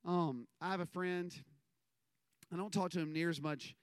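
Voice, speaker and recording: A man's voice: high voice, fairly even intonation, moderate pace, smooth, no echo. A man, giving a casual, rambling sermon full of stories and self-deprecating asides. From American South. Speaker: minister.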